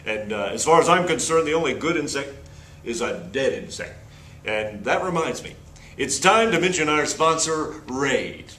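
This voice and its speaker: A man's voice: fairly high pitch, lively intonation, normal speed, bright, forceful tone. A man playing a pompous, square 1960s TV news anchor in an earnest, stumbling parody newscast. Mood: smug, stuffy. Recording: echoey room with faint noise.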